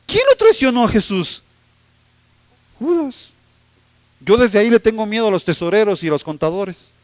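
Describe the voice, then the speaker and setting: A man's voice: sits high, animated, fast talker, no echo. A man preaching a sermon as pastor, telling stories with humor and teasing the congregation. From Ecuador. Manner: humorous, storytelling preacher who teases the congregation.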